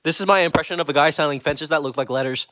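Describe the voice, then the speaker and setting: A man's voice: a little high, racing. A teenage or young adult man doing casual, goofy, profane comedy skits in slangy talk into a phone. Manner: goofy, profane, slangy, often bursting into yells. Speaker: short-skit video creator. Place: mostly a cluttered home garage. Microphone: phone at arm's length.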